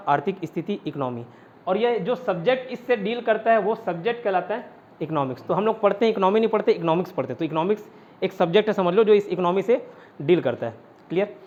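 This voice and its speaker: A man with a fairly high voice leads an online exam-prep class. He explains step by step and answers his own questions as he goes. The sound is dull and lo-fi. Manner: often adds "ठीक है" to check understanding. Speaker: teacher.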